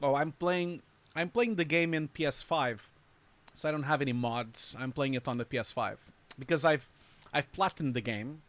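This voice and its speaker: A man's voice: a little high, normal speed, fairly bright tone. Chatty man hosting a live stream. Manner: chatty, rambling, laughs often. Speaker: host reviewing showreels. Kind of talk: casual livestream chat.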